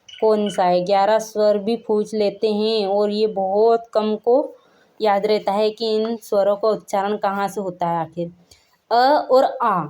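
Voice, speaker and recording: A woman's voice: fairly high pitch, a little mellow. A woman teaching a Hindi grammar lesson in a casual classroom way. She keeps checking that the viewer follows and stretches out sounds to show them. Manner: repeats "theek hai na" after each point, asks the viewer questions; stretches out sounds to show how long they are.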